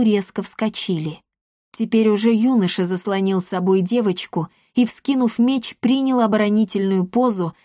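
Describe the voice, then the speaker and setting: Female audiobook narrator, expressive fantasy storytelling, mid-pitched, close dry sound. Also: no room sound. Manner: expressive reading, shifts voice for characters' shouts.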